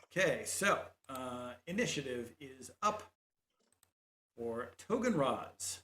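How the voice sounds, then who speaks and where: A man running a tabletop game as game master, talking in halting bursts full of fillers and restarts. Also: mid-range voice, sing-song, fairly bright tone, roomy sound.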